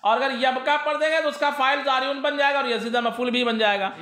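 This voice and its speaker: A man's voice: extremely high pitch, steady tone, fairly quick, bright, forceful tone, echoey room. A man teaching Arabic grammar in a classroom, reading the text and explaining it, often asking his students questions and answering them himself.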